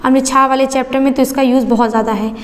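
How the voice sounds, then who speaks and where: A woman's voice: high-pitched, little pitch movement, fast. A woman teaching a basic science lesson, explaining step by step and answering her own questions as she goes. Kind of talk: classroom lesson. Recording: echoey room reverb.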